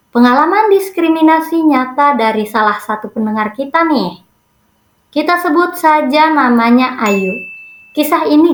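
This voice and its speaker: A woman's voice: fairly high pitch, roomy sound. A woman hosting a podcast, telling a listener's story in a chatty way and talking straight to her audience with rhetorical questions. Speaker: podcast host. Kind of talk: casual scripted podcast narration.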